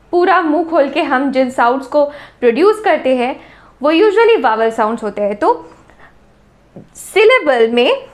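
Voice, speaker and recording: A high-voiced woman with an Indian accent gives a classroom-style English grammar lesson. She explains slowly, repeating sounds and words to demonstrate them.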